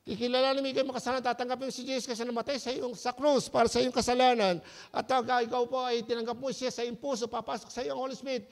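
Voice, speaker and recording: A male Filipino pastor preaching a sermon. He calls "Hello?" to the congregation and swings between soft asides and loud emphasis. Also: very high voice, in a large hall.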